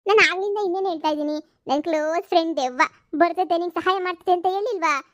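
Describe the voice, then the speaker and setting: A woman's voice: extremely high pitch, fast talker, dry recording, lo-fi sound. A woman playing a bossy older village aunt. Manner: scolding, confident, rustic.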